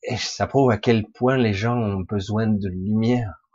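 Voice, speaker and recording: A man with a hoarse, husky, chesty voice recovering from a cough, giving a rambling, blunt, informal monologue to his followers, with casual swearing. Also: fairly low pitch, fairly even intonation, measured pace, darkish tone, no room sound, lo-fi sound. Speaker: spiritual vlogger speaking to followers.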